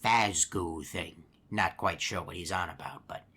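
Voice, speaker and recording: A man voices a chatty male hippo animatronic in a game character monologue, telling a long folksy story that rambles with plenty of "uh" and "you know." His deep voice is heavily acted, measured in pace, sharp in tone, with a breathy edge.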